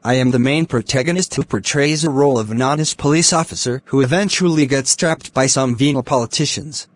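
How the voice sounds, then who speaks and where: In a scripted cartoon dialogue for English learners, a man voices a courteous, easygoing young film star, speaking deliberately with a pleasant, polite mood. His medium-pitched voice sounds natural, and the recording is dry.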